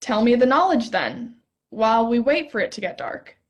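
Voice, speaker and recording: A woman's voice: fairly high pitch, very animated, normal speed. A young woman acting a playful, curious stargazer in a stage play reading, teasing and eager. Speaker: actor in a rehearsed play reading.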